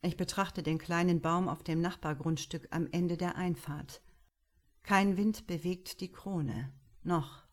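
Woman reading a story out loud, low voice, really slow and calm. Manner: calm, measured, unhurried delivery. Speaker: audiobook narrator. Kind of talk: first-person literary reading.

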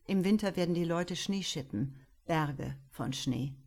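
Slow, calm woman reading a story. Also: fairly low pitch, creaky. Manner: calm, measured, unhurried delivery. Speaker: audiobook narrator. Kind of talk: first-person literary reading.

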